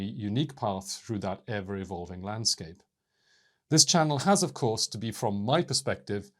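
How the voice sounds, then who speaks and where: A man in his fifties hosts his own channel, his voice sitting fairly low. He explains things in a measured, unhurried way. Small hesitations and "uh"s break up his sentences now and then. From South Wales. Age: 50s. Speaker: channel host. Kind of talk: scripted talk to camera.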